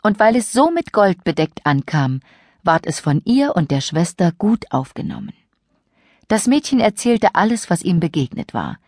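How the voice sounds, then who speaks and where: A woman reading a fairy tale as an audiobook narrator, with expressive storytelling. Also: lowish voice, moderate pace, dry recording, studio quality.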